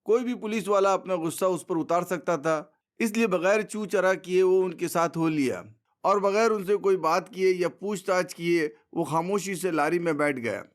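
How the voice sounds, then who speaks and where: High-voiced male story narrator. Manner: measured, formal storytelling. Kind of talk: literary short story narration.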